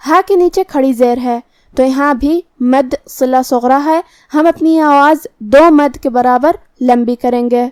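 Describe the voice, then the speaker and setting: Woman tajweed teacher, Urdu accent, high clear voice, methodical explainer. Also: no room sound, clean studio sound. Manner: measured, methodical explanation of pronunciation rules. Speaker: Quran recitation teacher. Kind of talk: tajweed lesson, explaining then reciting.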